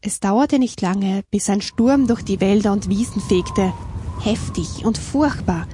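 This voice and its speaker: A woman reading a children's story aloud at a slow, expressive pace. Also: medium pitch, a little hiss or hum.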